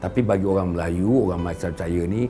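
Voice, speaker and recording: A middle-aged man from Klang in Malaysia, speaking with a Malaysian Malay accent, giving an animated sermon to viewers and acting out quoted speech with playful asides. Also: sits low, a little fast. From Klang, Selangor, Malaysia. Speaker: religious speaker addressing viewers. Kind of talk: lecture-style sermon to a camera audience.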